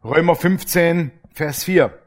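This is a casual sermon with stories, given by a middle-aged male preacher whose voice sits fairly high and moves at a slow pace. He stays animated and colloquial, imitating the people in his tales.

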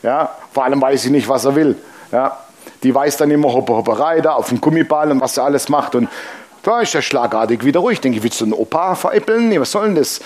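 Ein älterer Mann, der als Pastor lebhaft und humorvoll predigt und dabei Bibelverse vorliest. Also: male voice, mid-range voice, fast talker. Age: older. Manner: lively, humorous preaching with Bible reading aloud. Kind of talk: sermon.

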